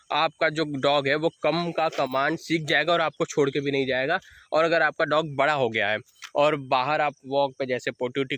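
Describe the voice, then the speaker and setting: A man's voice: on the high side, dry recording. Young man chatting while walking his dog. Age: young adult. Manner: chatty, explains then calls loudly to his dog. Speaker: dog owner vlogger. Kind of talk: casual outdoor dog-training vlog. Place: outdoors on an evening walk by fields.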